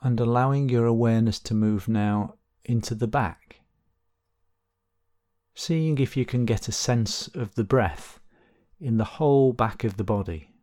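With a mid-range voice, a man guides listeners through a body scan meditation. He speaks gently and unhurriedly, with long gaps between phrases.

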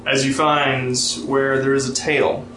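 A man narrating as game master of a tabletop game, relaxed and storytelling, reading lore aloud with fillers. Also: medium pitch, unhurried, slight background noise. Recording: roomy sound with music behind.

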